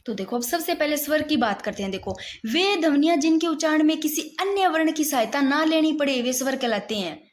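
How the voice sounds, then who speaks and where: A woman's voice: high voice, animated, a little fast, hardly any pauses. A young woman teaching Hindi grammar in a casual, insistent way, often saying "look" as she writes out examples. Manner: repeats "dekho" often, insistent and explanatory, writes while talking. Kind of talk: casual classroom explanation.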